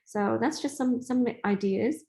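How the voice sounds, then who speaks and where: A woman's voice: fairly high pitch, a little slow, low-quality recording. A woman from Australia, hosting and talking casually as a spiritual coach, acting out family dialogue in a chatty way. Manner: chatty, acts out family dialogue in lively voices. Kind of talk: casual teaching talk.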